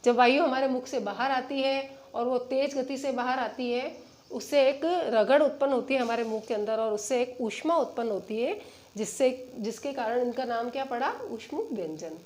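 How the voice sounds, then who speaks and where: A woman with a high voice teaches a lesson, working through a chart. She names each letter slowly and often puts a question to her students before she gives the answer herself. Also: darkish tone. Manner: says the letters slowly one by one.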